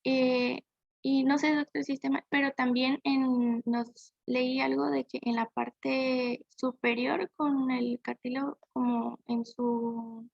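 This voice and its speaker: A young woman presents to her class in a high, gravelly voice, pausing on fillers and correcting herself as she goes. The recording is dry and dull, with a lo-fi edge. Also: level tone, dry recording. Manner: hesitant, frequent fillers and self-corrections. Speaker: student presenter.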